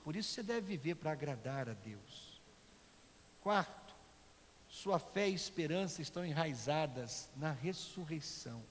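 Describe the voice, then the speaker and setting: A man with a Brazilian Portuguese accent preaching a sermon as pastor, swinging from loud shouting to hushed, quiet speech. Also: fairly high pitch, expressive, measured pace, slight background noise. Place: church sanctuary. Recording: long church reverb with soft instrumental music.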